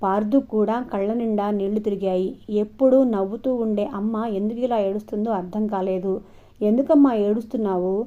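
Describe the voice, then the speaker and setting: A woman narrating an audio novel in a measured, even storytelling manner. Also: mid-range voice. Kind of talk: scripted narration. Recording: dull lo-fi recording.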